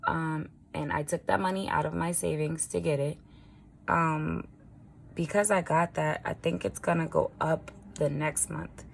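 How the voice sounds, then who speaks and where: A woman with a raspy early-morning voice, chatting informally as a vlogger while she writes out a budget. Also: low-pitched, steady tone, unhurried, a little hiss or hum. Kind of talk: casual budgeting vlog narration.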